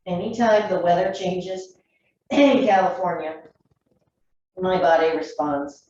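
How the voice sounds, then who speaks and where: A woman in her thirties guiding a yoga class in a calm, gentle voice, still a little froggy in the morning and clearing her throat now and then. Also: lowish voice, takes it slowly. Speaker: yoga teacher. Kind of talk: guided yoga class instruction. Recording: dull, echoey room from a distance.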